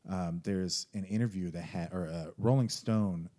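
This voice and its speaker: A man's voice: low voice, moderate pace, mellow. A man talking casually and enthusiastically about music, rambling with frequent restarts.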